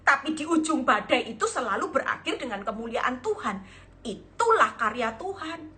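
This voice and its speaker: A woman's voice: high voice, very animated, normal speed, bright, forceful tone. A woman evangelist preaching emphatically on a live stream, acting out dialogue and addressing listeners as saudara. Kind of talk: sermon on Instagram live. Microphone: phone on live stream.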